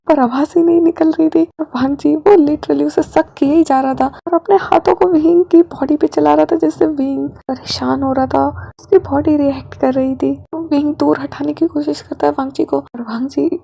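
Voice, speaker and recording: A woman reading a fanfiction story aloud as narrator, with lively, expressive delivery. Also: high voice, creaky.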